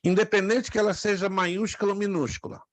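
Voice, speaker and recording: Patient Brazilian teacher with a dry voice. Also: male voice, high voice, steady tone, no echo. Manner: explains patiently, repeats words slowly, asks the class questions. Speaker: theology teacher. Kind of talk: classroom lecture. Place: classroom with students.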